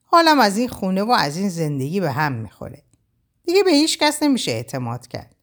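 A woman's voice: medium pitch, huge pitch swings. A woman reading a novel aloud, voicing a distraught young woman who is crying and lashing out. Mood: angry. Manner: sobbing, raised and pleading outbursts. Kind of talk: audiobook character voice.

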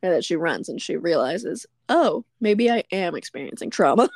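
A very animated woman co-hosts a podcast via remote call, casually retelling a movie scene by scene and laughing often. Her fairly low voice has vocal fry and a slightly mellow quality, moving at a moderate pace in a dry, clean studio recording.

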